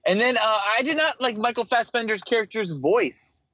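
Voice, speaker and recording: A man's voice: extremely high pitch, expressive, a little fast, bright, forceful tone, no echo. A man co-hosting a casual podcast chat, joking and teasing his co-host. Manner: joking, teasing, laughs easily. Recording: dull lo-fi mic.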